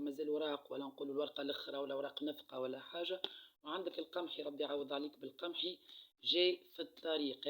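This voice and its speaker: Fast, husky Tunisian man reading cards. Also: on the high side, a bit bright, rough recording. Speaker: card reader. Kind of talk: casual card-reading monologue.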